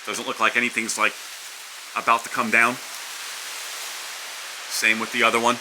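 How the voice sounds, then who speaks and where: A man's voice: medium pitch, completely flat delivery, moderate pace. A man narrating a casual vlog outdoors from under a house porch during a storm. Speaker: vlogger. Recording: wind, rain and hiss behind voice.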